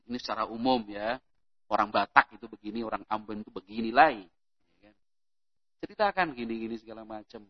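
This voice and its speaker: A man giving a lively religious talk to parents, often speaking straight to the listeners and briefly imitating other people's voices. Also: mid-range voice, no echo, highs cut off. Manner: lively, mimics students' voices, addresses listeners directly. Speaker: Islamic boarding school speaker addressing parents.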